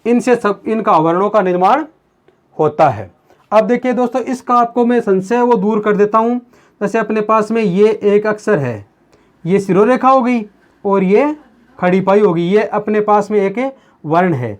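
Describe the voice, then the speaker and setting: Standing at a board for a video grammar lesson, a high-pitched man goes slowly and says things more than once. He refers to his audience as friends and poses questions only to answer them himself.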